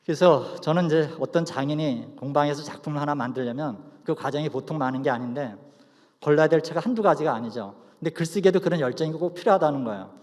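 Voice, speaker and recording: A man's voice: on the high side, quick pace, darkish tone. A man speaking as a pastor, addressing students in a chapel service. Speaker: pastor, guest lecturer. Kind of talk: preaching and prayer to students. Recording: reverberant hall sound.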